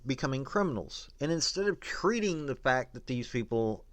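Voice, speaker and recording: A man's voice: mid-range voice, big pitch swings, moderate pace, fairly bright tone, no echo. A man giving blunt, opinionated commentary, reading parts of official reports aloud and adding casual, sarcastic asides. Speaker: commentator on prison investigations.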